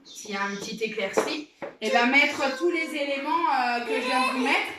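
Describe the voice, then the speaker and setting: A woman with a high voice talks a child through a home game and explains it to viewers, her tone steadily encouraging. She sounds set back from the mic in a small, very echoey indoor room. A faint noise runs under the recording. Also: animated, normal speed, distant mic. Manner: encouraging, coaching a child along. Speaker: mother demonstrating children's games. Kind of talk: casual how-to demonstration for viewers.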